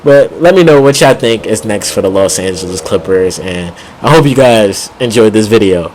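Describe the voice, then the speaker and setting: A man's voice: on the low side, lively intonation, darkish tone, slight background noise. A man vlogging casual basketball commentary, rambling with plenty of fillers and slang and chuckling often. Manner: rambling, heavy on "like", quick laughs, slangy. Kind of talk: casual sports commentary vlog.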